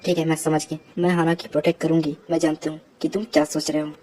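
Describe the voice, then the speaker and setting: A woman's voice: sits low, flat delivery, fast talker, darkish tone, slight background noise, lightly acted. A woman reading a resolute young woman ally. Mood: firm.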